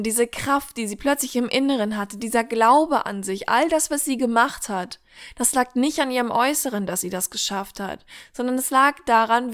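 A woman hosting her own podcast, talking casually and eagerly retelling a film with many fillers. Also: a little high. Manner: warm, enthusiastic retelling with frequent fillers. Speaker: podcast host.

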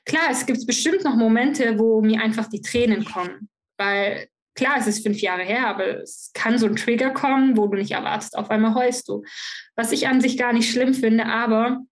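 Her voice is on the high side and her pace normal as this young woman, a podcast guest, opens up emotionally about her personal story. In the interview conversation she often restarts what she's saying.

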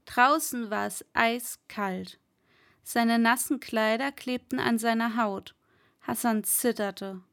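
A woman reading a story aloud in a calm, measured way. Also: fairly high pitch, creaky. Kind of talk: read-aloud story narration.

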